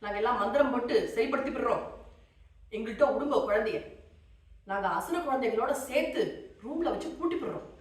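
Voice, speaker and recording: A woman's voice: a little high, brisk, long pauses, pitched below the performer's own voice, lightly acted. A woman voicing scheming male teachers at a demon king's court, sly and fawning, in a told religious story. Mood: sly, ingratiating. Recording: very echoey hall, far from mic.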